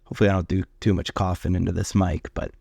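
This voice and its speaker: A man co-hosting a gardening podcast in casual chat, his voice a bit raspy and hoarse from a cold, talking in a rambling, easygoing way. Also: low-pitched, flat delivery, quick pace, dark tone. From Central Ohio. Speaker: podcast co-host.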